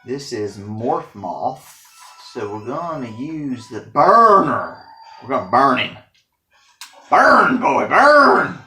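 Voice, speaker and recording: A man's voice: medium pitch, big pitch swings, takes it slowly, sharp tone. A man giving playful let's-play commentary while he games, teasing the bosses and throwing in silly exclamations. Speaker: gamer. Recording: echoey room with game music. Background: game music.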